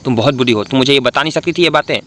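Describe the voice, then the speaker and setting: A man's voice: mid-range voice, rapid-fire, a bit bright, natural voice. A man voicing an arrogant, hot-tempered rich young man in a drama retelling, bossy and scolding. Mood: angry.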